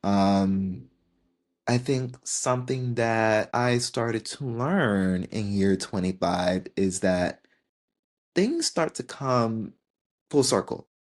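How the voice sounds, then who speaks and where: Slow, gentle young woman podcaster. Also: a bass voice, expressive. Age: 20s. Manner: gentle, heartfelt, unhurried with frequent pauses. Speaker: podcast host. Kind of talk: solo reflective podcast monologue.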